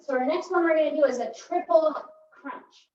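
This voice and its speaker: A woman's voice: high-pitched, normal speed, a little mellow, roomy sound, far from the mic, highs cut off. A woman leading a pilates core workout, chatty and upbeat, counting reps aloud while she exercises and often asking "right?". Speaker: pilates instructor. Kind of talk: workout instruction.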